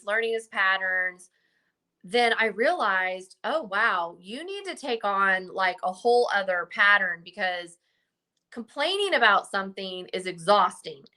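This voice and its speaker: A woman's voice: fairly high pitch, bright, forceful tone. A woman talking casually to her camera as a psychic wellness vlogger, rambling and chatty with lots of "like" and "right?". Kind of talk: casual unscripted monologue to camera. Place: indoors in front of a camera and ring light.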